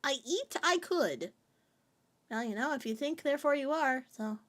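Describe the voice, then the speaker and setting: A woman streamer chats casually with her viewers in a high-pitched, expressive, slightly bright voice at a moderate pace. She rambles and jokes in a playful, sing-song way, reading chat messages aloud.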